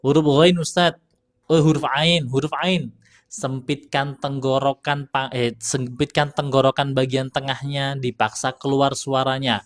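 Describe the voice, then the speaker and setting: A man teaching Quran recitation on a live stream, reading out viewer questions and slowly demonstrating letter sounds in a relaxed, chatty way. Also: mid-range voice.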